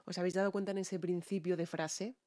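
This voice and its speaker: A woman's voice: fairly low pitch, little pitch movement, fast talker, loud music behind the voice. A woman from Spain with a Spanish accent, a singer and vocal coach who analyzes a song in a reaction video. She explains as she goes and keeps checking in with her viewers.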